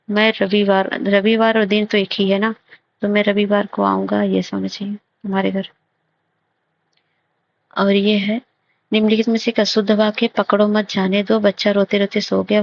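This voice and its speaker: A woman teacher slowly explaining grammar test answers, repeating and correcting phrases as she goes. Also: medium pitch, gravelly, no room sound. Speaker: exam prep teacher. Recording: dull lo-fi recording.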